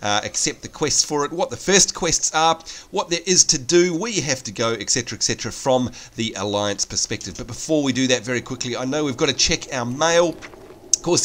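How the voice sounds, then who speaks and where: A man's voice: a little high, a bit bright, a little hiss or hum. An Australian man with hay fever congestion, sounding nasal as if his nose is pinched, chattily explaining things to viewers in casual gameplay commentary. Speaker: let's play video host.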